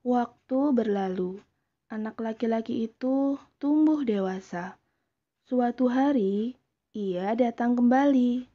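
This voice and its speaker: A female teacher giving a recorded lesson for children, in a slow, clear, explanatory way. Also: a little high, muffled recording.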